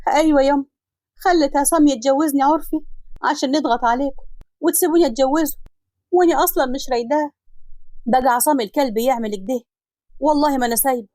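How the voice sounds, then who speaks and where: A woman's voice: high-pitched, fast talker, long pauses, warm tone, no room sound, pitched above the performer's own voice, close to an everyday voice. A woman voicing a distraught young bride, pleading and tearful.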